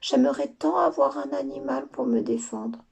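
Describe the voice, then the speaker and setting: A woman voicing a small boy who is afraid of the dark, slow and plaintive. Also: sits high, steady tone, gravelly, pitched above the performer's own voice. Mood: scared.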